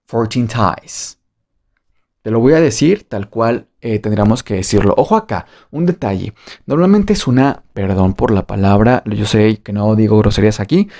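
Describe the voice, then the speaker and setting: A man's voice: fairly low pitch, dark tone. A man with a Mexican Spanish accent teaching a beginner English lesson online, playful and jokey, drilling phrases by repetition.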